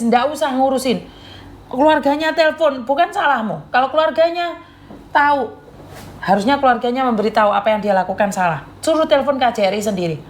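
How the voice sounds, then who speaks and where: A woman host, sternly lecturing her audience and repeating warnings. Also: sits high. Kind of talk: lecturing live chat.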